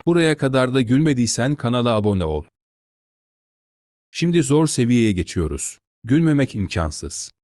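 A man's voice: mid-range voice, sing-song, moderate pace, darkish tone. A man narrating as host of a funny-clip compilation in a scripted style. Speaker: video host.

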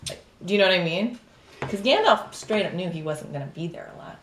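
A woman's voice: fairly low pitch, lively intonation, fairly quick. A young woman co-hosting a book podcast, chatting casually and laughing while talking over wine. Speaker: podcast co-host. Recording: roomy echo, faint hiss.

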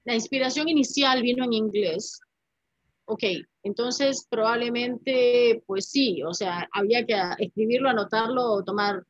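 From her home, in a room decorated with paintings, a woman poet in her fifties speaks as a guest over a video call, her first language Spanish. She's a little high-pitched and a little slow, thoughtful and reflective, frequently closing phrases with a questioning "¿no?". Her laptop webcam mic yields dull, dry audio with no room sound.

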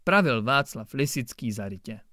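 A man from an amateur theatre company reads a classic short story aloud. His narration is calm and even. The voice is lively in pitch and recorded close and dry. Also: no echo. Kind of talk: story reading.

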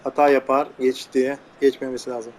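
A man talks casually over a football video game match, teasing and scolding his own players with dry jokes. His voice sits in an ordinary middle pitch. A loud game stadium crowd roars under him the whole time. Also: flat delivery, moderate pace. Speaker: gameplay commentator. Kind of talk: casual gameplay commentary. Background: loud game crowd noise.

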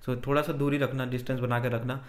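In his bedroom, a twentysomething vlogger chats through a casual product review and tutorial, treating his audience like friends and calling them "guys" and "bhai." He talks fast in a medium-pitched voice that barely moves in pitch.

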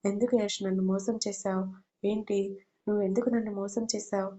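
A woman's voice: medium pitch, level tone, brisk, warm tone, lo-fi sound, lightly acted. A woman voicing a heartbroken young woman. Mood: tearful. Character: heartbroken young woman confronting her lover.

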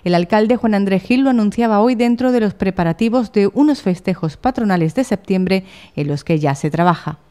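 A woman's voice: medium pitch, lively intonation, a little fast, warm tone, clear, resonant tone. A woman reading scripted news narration as a reporter.

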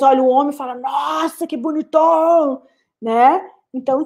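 A woman's voice: sits high, darkish tone. Earnest Brazilian woman lecturing live online. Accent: Brazilian Portuguese. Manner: earnest, explanatory, addresses students directly. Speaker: guest lecturer.

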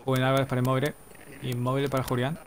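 A man's voice: mid-range voice, completely flat delivery, slight background noise, poor audio. A man streaming live play-by-play commentary on a football video game, rattling off player names and breaking into long goal cries. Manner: rapid name-calling, bursts into drawn-out goal cries.

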